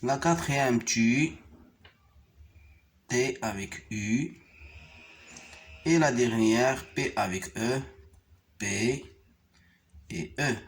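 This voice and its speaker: Male primary teacher, Moroccan French accent, very slow and deliberate, spells words out letter by letter. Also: medium pitch. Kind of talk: French reading lesson.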